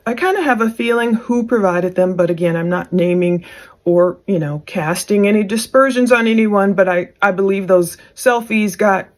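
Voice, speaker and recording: A woman's voice: medium pitch, moderate pace. A woman giving casual, conversational commentary on case documents, with speculative asides, as a true crime commentator.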